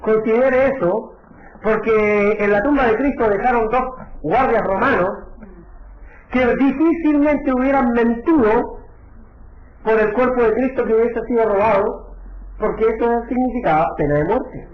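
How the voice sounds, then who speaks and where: Pastor, high-pitched man, preaching with rhetorical questions, roomy lo-fi church recording. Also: measured pace. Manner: preaching with rhetorical questions, addressing listeners as brother. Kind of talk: sermon. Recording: echoey, dull lo-fi church recording.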